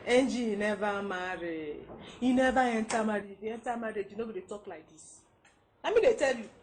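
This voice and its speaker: A woman with a Nigerian accent playing a fed-up young wife in a film drama. She is loud, animated and laughs often. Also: medium pitch, brisk, slight background noise, lightly acted. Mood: mocking. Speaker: film actor.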